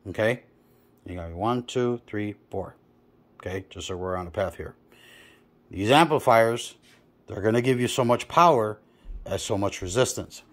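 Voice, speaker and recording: A blunt car audio installer talks through speaker wiring in casual workshop chat. His voice sits a little low, and he swears freely as he tells the story. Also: moderate pace, long pauses.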